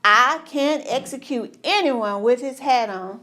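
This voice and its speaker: Woman voicing a friendly, gentle executioner. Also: on the high side, measured pace. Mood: kindly. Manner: kindly, apologetic.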